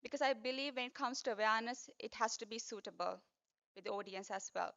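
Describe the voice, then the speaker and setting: A young woman with a Sri Lankan accent speaks in a fairly high voice, delivering a prepared pageant speech. She phrases things earnestly and deliberately, like a formal public speaker. The audio is slightly dull and band-limited. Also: gravelly, fairly bright tone. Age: 20s. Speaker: pageant finalist.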